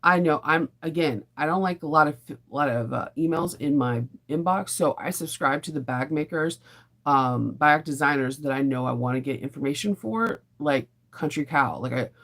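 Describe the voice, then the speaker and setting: A woman presents a casual sewing live stream, laughing and rambling as she chats. Her low-pitched, slightly bright voice is raspy and fading from a sinus illness, and she speaks at a moderate pace.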